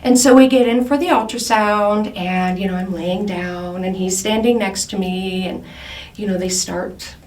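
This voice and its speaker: A woman in her fifties co-hosts a faith talk show and recounts a personal story, earnest and steady. Her voice sits at an average pitch. The mic stands some way off in a roomy space. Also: measured pace. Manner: earnest, recounting events step by step. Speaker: co-host. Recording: roomy sound from a distant mic.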